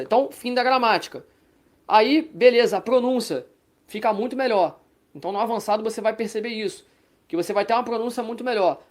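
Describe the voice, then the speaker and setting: A woman's voice: on the high side, a little mellow. A woman with a Brazilian Portuguese accent giving a casual online language lesson, chatting along and often checking in with her listeners. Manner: chatty, ends phrases with "tá?" check-ins. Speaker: language teacher.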